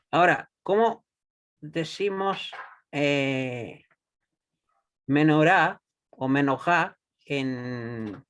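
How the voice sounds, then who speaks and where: A man teaching a Hebrew class, patient and deliberate, often checking that students follow. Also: on the high side, a bit bright. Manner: patient, checks understanding with frequent "¿ya?"; slow and deliberate, repeats words for students. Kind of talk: classroom lesson.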